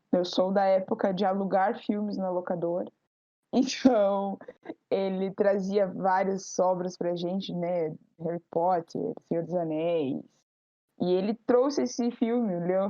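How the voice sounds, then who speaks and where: 20s woman telling a story on a podcast, warm voice, dead dry muffled mic. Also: medium pitch, no echo. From Paraná, Brazil. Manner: lively, storytelling. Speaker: podcast co-host. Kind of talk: casual group podcast chat. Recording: dry, dull lo-fi recording.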